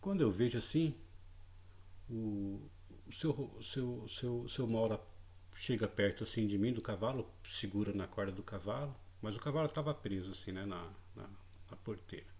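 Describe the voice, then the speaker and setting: A man with a fairly low voice recounts a personal story in relaxed, everyday speech. He stumbles and repeats words as he goes, tacking short checks onto his sentences. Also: normal speed. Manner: hesitant, repeats words, frequent tag questions. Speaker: channel host. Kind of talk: casual spoken storytelling.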